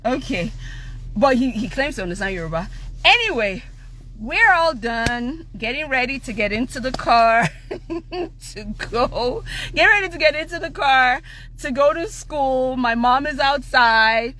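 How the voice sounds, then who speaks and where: Animated middle-aged Nigerian woman storyteller. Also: sits high, unhurried, slight background noise. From Ondo, Nigeria. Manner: animated, laughing, mixes Yoruba and English. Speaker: live-stream host. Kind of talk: live storytelling chat.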